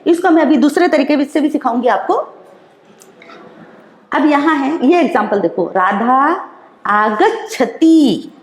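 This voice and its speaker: A woman teacher, explaining slowly and repeating each example in an online class lesson. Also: sits high, animated. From India. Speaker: school teacher. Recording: roomy echo.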